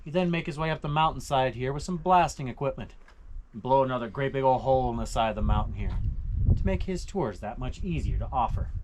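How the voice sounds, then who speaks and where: A man giving a storytelling guided tour to a group outdoors, theatrical and folksy, with rhetorical questions and dramatic pauses. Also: medium pitch. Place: outdoors on a mountainside. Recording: noisy live outdoor recording with clicks.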